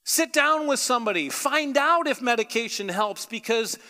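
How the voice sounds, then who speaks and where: A man's voice: extremely high pitch, lively intonation, normal speed, pushed and bright. An American man preaching a sermon in a conversational, emphatic way, repeating phrases for emphasis. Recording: echoey hall with long reverb.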